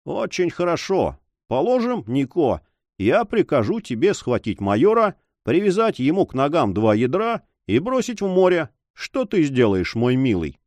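A man's voice: fairly high pitch, sing-song, normal speed, a little mellow, no echo. A man voicing a mocking, cool-headed sailor who talks in a sly, taunting, emphatic way in an audiobook. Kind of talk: audiobook character voice.

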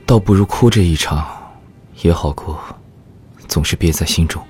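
A male actor playing a composed, courteous scholar in a Chinese historical audio drama, speaking in a measured, polite way. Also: low voice, a little mellow, faint music behind, close to an everyday voice. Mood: composed, gentle.

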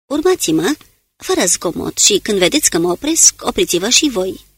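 Woman reads steady male commando guide, low terse orders, husky, dry audiobook sound. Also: no room sound. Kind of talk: audiobook character reading.

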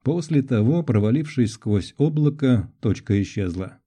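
A male audiobook narrator reading first-person adventure prose in a measured, tense way. His voice is very dark and mellow, in a middle pitch. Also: lively intonation, breathy edge.

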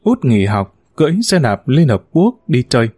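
A man's voice: medium pitch, normal speed, husky, dry recording. A man narrating a story expressively, sometimes singing out short verses. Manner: expressive, sings out quoted verses.

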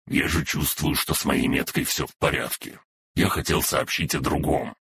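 A man reading an audiobook voices an ancient male demon who speaks in a solemn, archaic, quiet way. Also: very deep voice, level tone, normal speed, husky, dry recording, clean studio sound, full character voice. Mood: grave.

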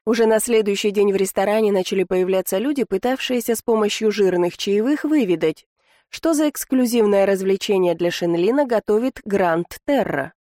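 A woman narrating a first-person audiobook in a wry, ironic tone, her voice in an even middle register. The sound is dry and close, with no room around it. She tells the story with lively, knowing asides. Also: medium pitch, normal speed, dry recording.

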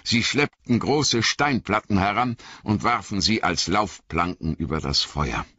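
Slow, husky male audiobook narrator. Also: lowish voice, animated, bright, forceful tone, no room sound, muffled recording. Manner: measured, dramatic reading. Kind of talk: scripted fantasy narration.

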